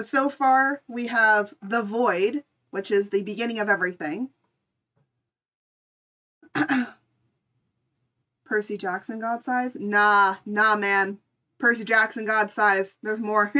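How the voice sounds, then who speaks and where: Chatting with her livestream viewers, a woman spins an improvised story in an informal, talkative style. She has a mid-range voice with a bright, forceful tone, though the recording's highs are cut off.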